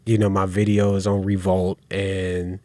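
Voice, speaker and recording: A man's voice: low-pitched, a little slow, no echo. A young man from Kansas City, a guest musician, chatting casually and laughing easily in an interview. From Kansas City, USA. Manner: relaxed, laughing, slips into animated impressions.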